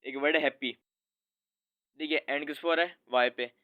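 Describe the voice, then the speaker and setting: A man's voice: on the high side, fairly even intonation, moderate pace. A man teaching English grammar in a casual, informal way, often correcting himself as he talks to his students. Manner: informal, addresses viewer as friend, self-corrects often. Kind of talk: casual explanatory lesson. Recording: tinny phone-like audio.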